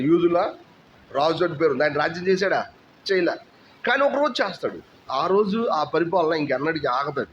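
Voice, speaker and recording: A male pastor, preaching in a conversational style and asking rhetorical questions. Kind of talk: sermon. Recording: dull low-fidelity recording with faint noise.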